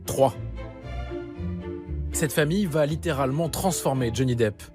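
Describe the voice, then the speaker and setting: A man's voice: mid-range voice, unhurried. Male narrator, mid-range voice, scripted celebrity documentary read over prominent music. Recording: music bed behind voice.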